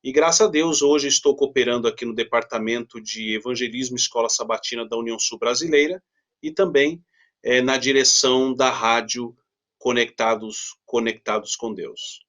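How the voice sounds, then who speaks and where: Brazilian pastor in his 30s, friendly, talks fast, some little ums. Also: medium pitch, fairly bright tone. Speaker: pastor and guest. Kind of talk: interview answers.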